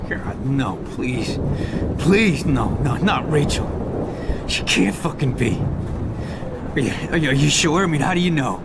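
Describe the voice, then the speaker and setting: Rough, emotional young man, storm noise. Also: a little high, animated, a little slow, pauses often. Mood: anguished, shocked. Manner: blunt, emotional. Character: rough, grieving young man, volatile and desperate. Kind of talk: video game voice acting. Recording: loud thunderstorm noise over voice.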